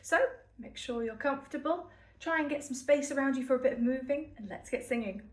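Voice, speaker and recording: An English woman music teacher giving cheerful, encouraging warm-up instructions to children. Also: high-pitched, a little fast. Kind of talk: children's vocal warm-up lesson. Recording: echoey room, mic at a distance.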